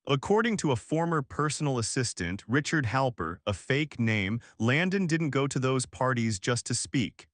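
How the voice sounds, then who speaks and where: A man's voice: medium pitch, no echo, clean studio sound. Man narrating a dramatic documentary.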